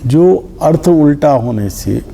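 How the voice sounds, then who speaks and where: A man giving a scripture discourse in a hall, explaining slowly with examples and stressing key words. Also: a little high, lively intonation, vocal fry, warm tone. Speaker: scripture teacher.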